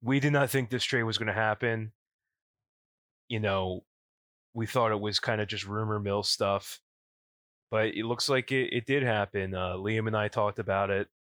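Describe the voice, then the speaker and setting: A man with a rough, gravelly voice, still recovering from illness, speaking casually and informally as a podcast host. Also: lowish voice, fairly even intonation, normal speed, pauses often, fairly bright tone, dry recording, clean studio sound. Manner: informal, says "yous" for plural you. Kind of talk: casual solo podcast update.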